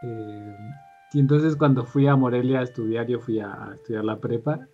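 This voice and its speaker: A man from Michoacán, Mexico, chatting casually and telling animated anecdotes. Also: medium pitch, normal speed, dull audio, faint music behind. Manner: animated storyteller, quotes others. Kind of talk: casual podcast chat.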